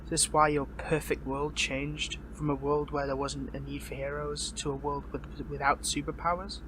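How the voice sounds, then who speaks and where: Here the captive young hero, earnest and lovelorn, is voiced by a man whose pitch runs fairly high, slipping into stammers and breathy pleas as his loyalties pull at him. The tone is level, the pace moderate, the delivery natural, and the mood guarded and reflective. There's noticeable noise in the background of this dramatic audio roleplay.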